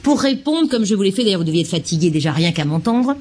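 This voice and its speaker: Husky woman child psychiatrist lecturing, expressive, acts stuff out. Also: medium pitch, fast. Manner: expressive, acts out short examples.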